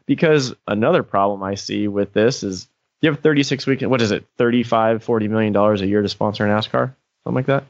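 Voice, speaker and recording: Low-voiced man, rambling casual podcast chat. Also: fast, dry recording, dull audio. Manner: rambling, peppered with "like". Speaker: podcast co-host.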